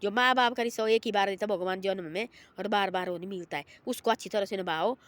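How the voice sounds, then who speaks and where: A woman's voice: medium pitch, fast, a bit bright. A woman telling an informal moral story, rambling and repeating herself and voicing the people in it. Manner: rambling and repetitive, voices the people in her story.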